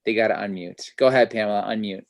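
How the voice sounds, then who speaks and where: A man's voice: lowish voice, fast, vocal fry, dry recording, studio quality. A man hosting a video-call interview, chatty and enthusiastic, with many fillers. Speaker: host. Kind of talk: casual interview.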